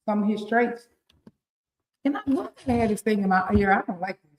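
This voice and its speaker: Animated country-accented woman, roomy echo. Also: mid-range voice, fairly quick. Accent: rural Southern US. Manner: animated, laughing, preachy advice-giving. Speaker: relationship coach co-hosting a morning show. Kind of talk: casual live-stream talk show.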